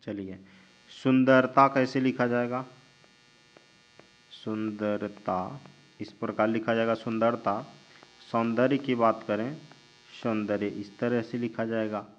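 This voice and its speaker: A male teacher giving a spelling lesson, drawing out each word slowly and answering his own questions. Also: medium pitch, steady tone. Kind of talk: spelling lesson while writing on a board. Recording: dull lo-fi recording with mains hum.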